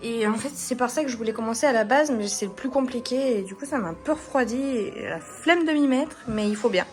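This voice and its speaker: A woman's voice: fairly high pitch, a little fast, over music. A woman chatting casually to her handheld camera at home and in her garden. She rambles, laughs often and pokes fun at herself. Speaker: lifestyle vlogger. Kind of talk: casual vlog chat to camera.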